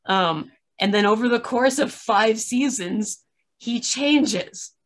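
A podcast reviewer in a video chat tells stories casually from a small room at home, her voice fairly high in pitch and slow. She's wry and animated, offering opinions, acting out asides, and voicing wry exasperation.

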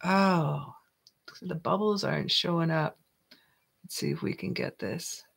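Working through a craft, a host from Canada jokes and chats, often addressing themselves in a casual narration. Their medium-pitched voice is unhurried and a bit bright, with some vocal fry.

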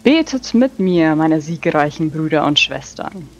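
A woman's voice: sits low, lively intonation, measured pace. A woman playing a grand priestess in a tabletop game, declaiming a prayer like a hammy stage actor. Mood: solemn, exultant. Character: theatrical priestess praying grandly to a joy goddess. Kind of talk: dramatic prayer in tabletop role-play. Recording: dull lo-fi mic over background music.

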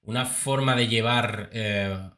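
A man's voice: on the low side, slow, pushed and bright. A man giving chatty commentary on reality-show clips, with many fillers and repeats. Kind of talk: casual commentary.

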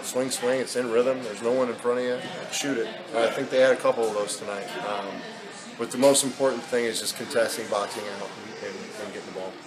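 A man's voice: mid-range voice, steady tone, brisk, a crowd in the background, rough recording. A man in his thirties, a basketball head coach, talking candidly with many fillers in a postgame press interview. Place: indoor press backdrop at an arena.

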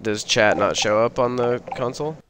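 A man's voice: medium pitch, moderate pace, fairly bright tone, a little hiss or hum. A man streaming casual gameplay chat, sounding sick and drowsy, as if gargling, with blunt banter. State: drowsy from pain medication. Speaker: game streamer.

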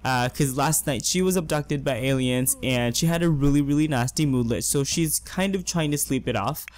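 A hoarse young man chatting excitedly through casual gameplay commentary as a let's play host. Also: medium pitch, normal speed. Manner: chatty and excitable, gushing with slang. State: hoarse, losing his voice.

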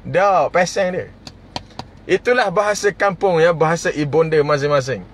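A man's voice: on the high side, normal speed, slight background noise. A man hosting a casual live stream, greeting viewers by name and chuckling often.

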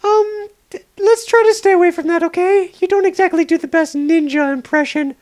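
A woman's voice: extremely high pitch, steady tone, brisk, a little mellow. A woman voicing a practical, dry young female adventurer in a parody game dub. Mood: dryly teasing.

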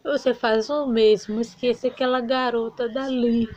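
A woman's voice: fairly high pitch, fairly even intonation, unhurried, darkish tone, highs cut off. A woman playing every part in a home doll soap opera, switching between character voices. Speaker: doll play narrator voicing all characters.

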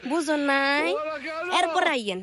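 A woman's voice: high voice, animated, unhurried, a loud crowd. A woman with a colloquial Bangladeshi accent, ranting sarcastically in a scolding reaction video, recorded on a phone. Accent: Bangladeshi colloquial Bengali. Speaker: content creator.

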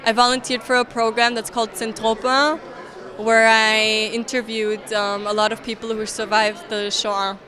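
A woman in her twenties from Austria, speaking English with an Austrian accent, answering interview questions in an earnest, measured way with hesitant restarts. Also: fairly high pitch, little pitch movement, sharp tone, some chatter behind. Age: 20s. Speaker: interviewee, soldier. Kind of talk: event interview. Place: indoor event hall, crowded.

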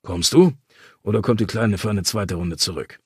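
A man's voice: fairly low pitch, moderate pace, husky, no room sound, clean studio sound. A man voicing a cheeky, crude young man who mocks his friend in an audiobook. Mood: teasing. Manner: mocking, cheeky.

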